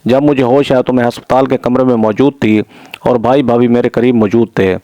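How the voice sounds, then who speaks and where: Mellow-voiced male storyteller. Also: mid-range voice, steady tone, dry recording. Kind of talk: scripted narration.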